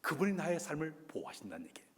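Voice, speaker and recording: A man preaching a sermon as a pastor, delivering it emphatically and swinging between loud, stressed phrases and quiet asides. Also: fairly high pitch, sing-song, racing, slight background noise. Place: church sanctuary. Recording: long church-hall reverb.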